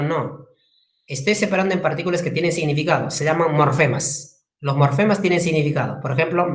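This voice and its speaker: Echoey classroom teacher, repeats key terms. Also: male voice, fairly high pitch. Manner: repeats key terms, spells words out, asks rhetorical questions. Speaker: language teacher. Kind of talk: classroom lecture.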